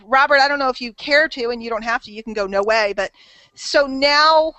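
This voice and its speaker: A woman's voice: high-pitched, brisk, sharp tone, dry recording, poor audio. A woman hosting a casual group call, chatty, teasing and persuasive. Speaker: host of a marketing call.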